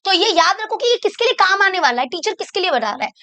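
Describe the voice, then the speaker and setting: A woman's voice: extremely high pitch, sing-song, fast talker, bright, forceful tone. A young woman teaching a maths lesson, mixing Hindi with English terms and asking the class to repeat after her. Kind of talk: board exam maths lesson.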